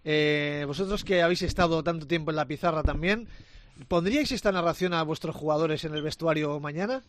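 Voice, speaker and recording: Emphatic male radio host, higher voice. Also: brisk, no room sound. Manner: direct, emphatic, moderates panel. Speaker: radio sports show host. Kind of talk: lively studio debate.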